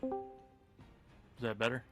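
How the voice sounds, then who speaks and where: A man's voice: very slow, fairly bright tone, soft background music. A man running a tabletop game as game master over a voice call, talking casually and laughing easily. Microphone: home computer mic on a voice call.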